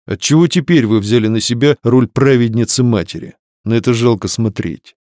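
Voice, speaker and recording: A man's voice: mid-range voice, normal speed, darkish tone, no room sound, clean studio sound, close to an everyday voice. A male narrator voicing a cold, unyielding nobleman who speaks in a clipped, reproachful way. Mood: cold, firm.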